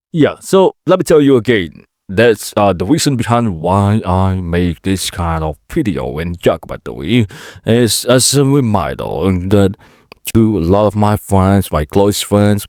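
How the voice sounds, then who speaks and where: A late-twenties man from Indonesia chats through his own vlog podcast in English with an Indonesian accent, halting, rambling, and fixing his words as he goes. The voice is fairly low and a little mellow. Although it comes from a camera mic, the audio has studio quality and no room sound.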